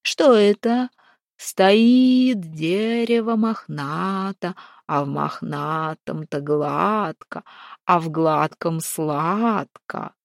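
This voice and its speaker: A woman voicing a mocking fiery giant maiden who speaks in slow, teasing riddles. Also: fairly low pitch, gravelly, no echo, studio quality, full character voice.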